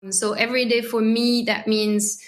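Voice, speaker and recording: A woman's voice: fairly high pitch, little pitch movement, normal speed. A woman in her thirties with a French accent, a podcast guest talking casually and thoughtfully, often restarting her phrases. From France. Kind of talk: casual interview talk.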